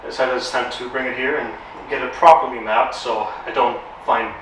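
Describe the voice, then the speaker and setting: A man's voice: mid-range voice, fairly quick, recorded from a distance, slight background noise. Romanian man in an echoey workshop. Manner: relaxed, hesitant with fillers. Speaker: car owner, guest. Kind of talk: casual chat. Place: tuning workshop, indoors. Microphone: far camera.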